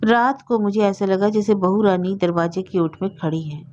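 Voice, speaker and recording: A woman's voice: mid-range voice, steady tone, normal speed, darkish tone, highs cut off, slight background noise, natural voice. A woman reading the lines of a stubborn, grief-struck aging elder brother in an insistent, pleading way. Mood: reproachful.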